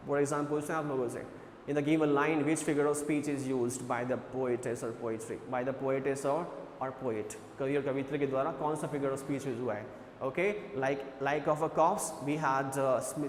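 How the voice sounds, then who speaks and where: A man's voice: fairly high pitch, reverberant, long reverb tail, a little hiss or hum. A male English teacher with an Indian accent lecturing on a poem, switching between Hindi and English and repeating phrases as he explains.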